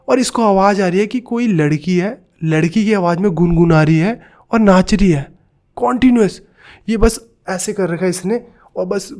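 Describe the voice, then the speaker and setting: A man's voice: high-pitched, darkish tone. A man telling a horror story, dramatic and acting out the cries and knocks he describes.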